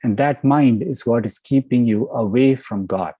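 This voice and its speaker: A man voicing a wise queen in the form of a small boy, calmly correcting a hermit. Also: mid-range voice, moderate pace, lightly acted. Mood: gently firm.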